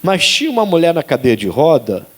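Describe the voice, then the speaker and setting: A male pastor preaching a sermon, animated, rising to sharp high exclaims and acting out dialogue. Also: fast, husky. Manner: acts out quoted dialogue.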